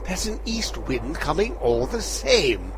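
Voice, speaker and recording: A man's voice: on the high side, very animated, slow pace, noisy background, exaggerated voice. A man playing Sherlock Holmes, a brilliant, aloof detective, in a theatrical, wry manner in an amateur audio drama. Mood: grandiose.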